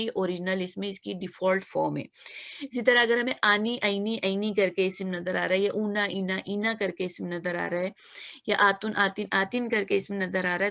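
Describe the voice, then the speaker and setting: A woman's voice: medium pitch, vocal fry. A woman teaching a grammar lesson, patiently repeating examples and checking that students follow. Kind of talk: explanatory lesson.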